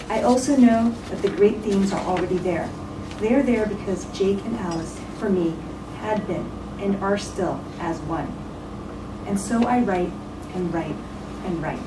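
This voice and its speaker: A woman reading a written tribute aloud in a solemn, measured way, with deliberate pauses between phrases. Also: mid-range voice. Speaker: speaker at a memorial, giving a tribute. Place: reading aloud in a roomy venue. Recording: roomy echo, distant mic, clear background noise.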